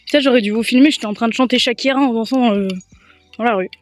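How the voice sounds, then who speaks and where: A woman's voice: fairly high pitch, fast talker, soft background music. Chatty young woman vlogging on a phone. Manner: rambling, self-mocking and chatty. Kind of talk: casual vlog chat. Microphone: handheld phone.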